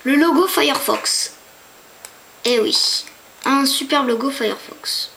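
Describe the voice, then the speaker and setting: Woman, high voice, casual screen-tour narrator, hesitant and chatty, talks straight to viewers, home computer mic. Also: slow, creaky, a bit bright, slight background noise. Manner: chatty, hesitant, stumbles over foreign names; talks to viewers with rhetorical questions. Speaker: YouTuber.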